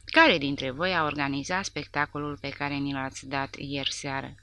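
A harsh, sneering male soldier hurls threats at his prisoners, as a woman reads him in an audiobook. The voice is gravelly and low, with a bright edge. The sound is close and completely dry. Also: steady tone, dry recording. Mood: menacing. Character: brutal mocking male soldier interrogator.

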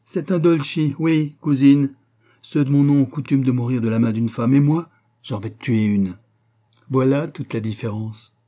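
A man's voice: mid-range voice, voice pushed up, natural voice. Man voicing a cold, vengeful young nobleman. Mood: grim. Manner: grim, forceful, measured.

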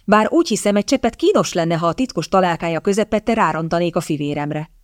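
Narrator doing a cool, reluctant young earl. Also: male voice, high-pitched, animated, no room sound, studio quality. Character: reserved young earl, weary former soldier.

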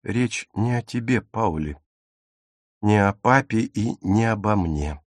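A man reading an audiobook, voicing a worried middle-aged mother who speaks softly and gently. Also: lowish voice, lively intonation, slow, dry recording, studio quality. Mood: tender.

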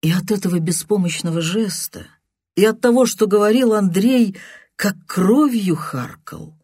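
An audiobook reader narrating a novel in a measured, dramatic way. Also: medium pitch, darkish tone, husky, dry recording, clean studio sound.

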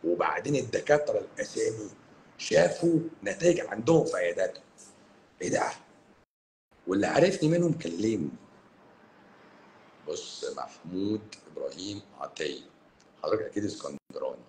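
A man with a Cairene Egyptian accent, a doctor hosting a live stream, talking casually to viewers. He is animated, scolding and joking with them. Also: on the low side, a little fast, long pauses. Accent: Cairene Egyptian Arabic. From Egypt, Cairo. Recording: roomy echo, faint background noise.

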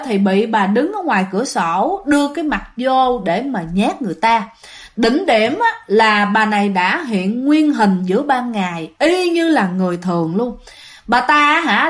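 A woman telling a ghost story casually, talking straight to her listeners. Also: a little high. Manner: chatty, addresses listeners directly.

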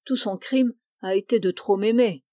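Femme lisant un jeune homme suppliant et sincère, voix chaleureuse, son sec. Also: female voice, medium pitch, moderate pace, warm tone, no room sound, studio quality, natural voice. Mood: earnest. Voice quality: earnest, pleading. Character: anguished pious young man pleading with his mother.

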